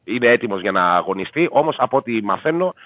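A man breaks down a football match for a casual sports betting talk show, weighing each point with pauses and fillers. His voice comes over a tinny, phone-like line. The sound is dry and close. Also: medium pitch, sing-song, no echo. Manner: measured, thinks aloud with fillers. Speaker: football analyst.

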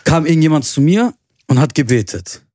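Animated young man telling a spooky story. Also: fairly high pitch, a little fast, no echo, clean studio sound. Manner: animated, swears oaths, acts out quoted voices. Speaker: podcast host. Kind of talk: casual storytelling chat.

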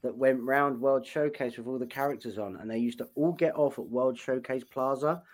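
A man's voice: mid-range voice, normal speed, darkish tone, low-quality recording. A man co-hosting a travel podcast, chatting casually and rambling with lots of ums. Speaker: podcast co-host. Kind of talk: casual chat.

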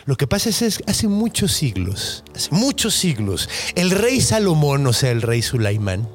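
A giant, proud genie, voiced by a Mexican man telling the tale, speaking in a slow, drawn-out, menacing way. The delivery is theatrical and deliberate. Faint music plays under the voice. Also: a little high, big pitch swings, pitched below the performer's own voice. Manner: slow, dramatic storytelling delivery. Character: giant vengeful male genie, proud and bitter.

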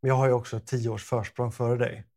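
Male podcast co-host, gravelly, playful banter. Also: medium pitch, level tone, dark tone. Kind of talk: casual chat.

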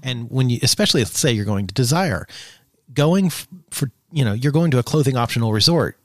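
A man's voice: medium pitch, lively intonation, fairly quick, dry recording, clean studio sound. A man co-hosting a podcast in casual chat, with jokey, wry asides. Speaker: podcast co-host.

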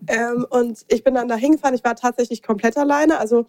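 A young woman in a casual chat, giving short reactions and telling a calm story. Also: a little high, fast.

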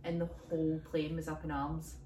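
Scottish woman, comic podcast co-host, low-set voice, rambling anecdotes, phone mic in an echoey room, faint hiss. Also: little pitch movement, normal speed, warm tone, far from the mic. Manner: rambling storyteller, laughs often. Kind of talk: casual comedic chat.

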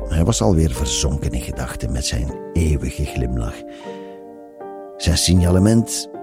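Deep, gravelly, slow-speaking male narrator. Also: lively intonation, over music. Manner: reflective, musing storytelling. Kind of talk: scripted narration of a radio story.

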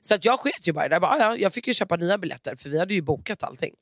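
A woman's voice: lowish voice, no echo, studio quality. A woman co-hosting a podcast, telling a story with lots of swearing and acting out both sides of a conversation. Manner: animated storytelling, acts out dialogue, swears freely. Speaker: podcast co-host. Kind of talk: casual chat.

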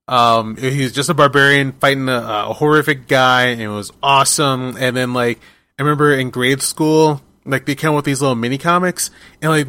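A man in his forties hosting a podcast, telling stories in a rambling, animated way with many restarts. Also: mid-range voice, smooth, no echo. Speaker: podcast host. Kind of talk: casual chat.

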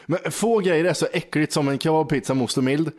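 A man's voice: a little high, a little mellow. A man co-hosting a podcast, teasing his friends and swearing casually. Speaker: podcast co-host.

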